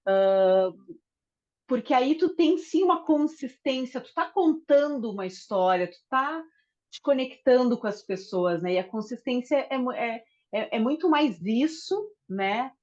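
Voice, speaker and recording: A woman guest on a podcast, talking in a relaxed, conversational way, often checking in with tag questions. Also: on the high side, a little slow. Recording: dull lo-fi sound.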